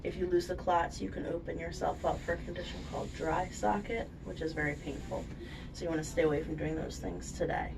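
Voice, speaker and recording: Low, creaky-voiced woman explaining aftercare, off-mic. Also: steady tone, brisk. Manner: explanatory, checks in with "okay?". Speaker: dental surgery staff giving aftercare instructions. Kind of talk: informal spoken patient instructions. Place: indoors at a clinic. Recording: distant microphone, faint room noise.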